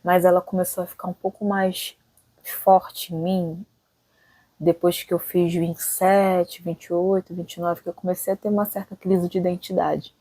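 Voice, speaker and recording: A woman in her late twenties hosts her own channel, chatting casually in a reflective vlog and thinking aloud, often ending sentences with little questions. Her voice is lowish, level, mellow and moderately paced, with no room sound but a rough recording.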